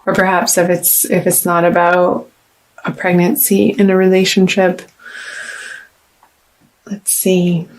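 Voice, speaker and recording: A woman giving a casual tarot reading, talking slowly and reflectively with halting restarts and pauses as she consults the cards. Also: lowish voice, little pitch movement, poor audio. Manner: slow, halting, with many restarts and ums. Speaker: tarot reader.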